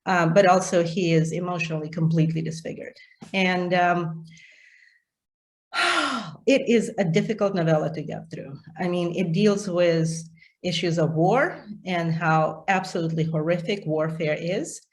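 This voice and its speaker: A woman's voice: lowish voice, a little slow. A middle-aged woman leading an informal book discussion, enthusiastic, with many fillers and restarts. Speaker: literature discussion leader.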